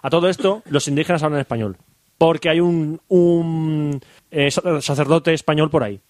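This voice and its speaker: A man's voice: a little high, normal speed, no echo, studio quality. A man with a Peninsular Spanish accent, a podcast host animatedly retelling a film in casual chat. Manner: animated storyteller, acts out scenes.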